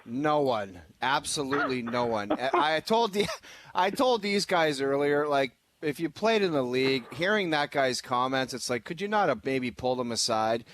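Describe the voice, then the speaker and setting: A man's voice: mid-range voice, expressive, normal speed, fairly bright tone, slight background noise. A man hosting sports radio, ranting in casual chat and putting on mocking voices of players and coaches.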